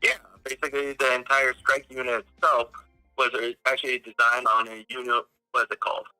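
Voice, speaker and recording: A man's voice: mid-range voice, flat delivery, brisk, pushed and bright, clear, resonant tone, faint music behind, low-quality recording. A man heard over a phone on speakerphone, a phoned-in guest expert in casual chat who stops to search for names as he explains.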